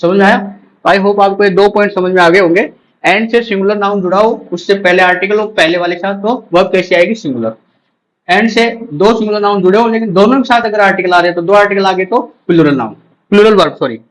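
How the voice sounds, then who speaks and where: A man's voice: high voice, fairly quick, rough recording. A man teaching English grammar for an exam in Hindi mixed with English terms. He repeats key words and keeps asking the class short check questions. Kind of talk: exam-prep grammar lecture.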